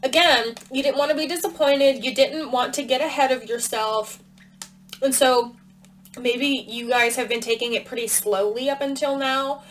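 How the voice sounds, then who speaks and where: A woman's voice: high-pitched, steady tone, normal speed, a bit bright, slight background noise, low-quality recording. Chatty woman giving a tarot reading. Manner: chatty, thinks aloud with fillers and restarts. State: talking around a cough drop. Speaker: tarot reader. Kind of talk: casual tarot reading to camera.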